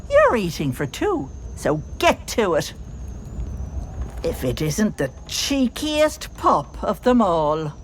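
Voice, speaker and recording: A woman's voice: low-pitched, slight background noise, exaggerated voice. A woman voicing a bossy, sly old auntie hag in a video game, folksy and cajoling, with menace under the sweetness. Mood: scolding.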